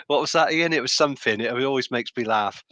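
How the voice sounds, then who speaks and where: A man co-hosting a casual football podcast, chatty and quick to laugh. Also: mid-range voice, sharp tone. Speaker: podcast co-host.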